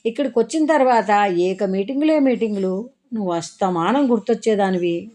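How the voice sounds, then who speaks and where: A woman's voice: medium pitch, fairly quick, mellow, voice pushed up, lightly acted. A woman reading a Telugu audiobook story, voicing an apologetic, affectionate young man who soothes his crying girlfriend. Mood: apologetic, tender. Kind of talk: audiobook character voice.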